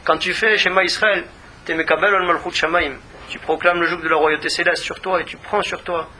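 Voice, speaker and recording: A man's voice: a little high, fairly even intonation, fairly quick, sharp tone, a little hiss or hum. A man giving a religious Torah lesson in an earnest manner, often repeating words as he searches for the next one. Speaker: rabbi teaching Torah.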